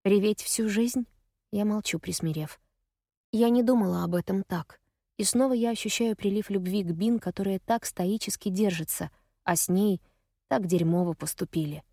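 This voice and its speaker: A woman reads a novel aloud in the first person, expressive and reflective. Her voice sits at a middle pitch. The recording is dry and close, with no room sound. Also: normal speed, dry recording. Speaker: audiobook narrator.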